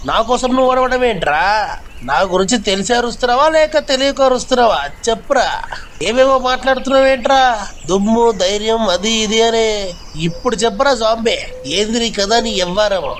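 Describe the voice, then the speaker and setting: A man's voice: very high-pitched, a little fast, a bit bright, slight background noise. A man voicing a fearless young male hero in a cartoon, confronting a zombie with demanding questions. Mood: challenging. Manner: challenging, demanding. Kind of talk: cartoon voice acting.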